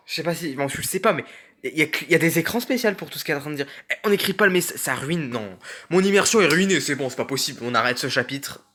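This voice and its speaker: A man's voice: a little high, sharp tone. A man doing casual, sarcastic commentary on a chat story game, reading its messages aloud and mocking the spelling mistakes. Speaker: gaming YouTuber.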